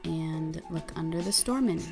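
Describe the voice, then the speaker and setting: A woman hosting a podcast, reading listener reviews and introducing the guest in a friendly, unhurried way with occasional ums. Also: low voice, creaky, dark tone, soft background music. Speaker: podcast host.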